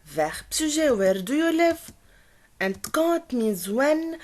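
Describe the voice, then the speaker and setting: Slow, high-voiced woman teaching French. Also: big pitch swings, darkish tone. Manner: explains patiently, switching between French and English, repeating key words. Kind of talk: classroom grammar explanation.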